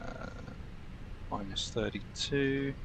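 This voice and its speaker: A man's voice: mid-range voice, takes it slowly. A man livestreaming as a flight sim pilot, switching between casual chat and radio calls. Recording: clear vehicle-like background noise.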